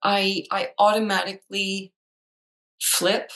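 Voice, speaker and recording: A woman with an accent that drifts between American and British, chatting casually with many halting restarts. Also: medium pitch, little pitch movement, fairly bright tone, poor audio. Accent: shifting mix of American and British. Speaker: co-host. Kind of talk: casual chat.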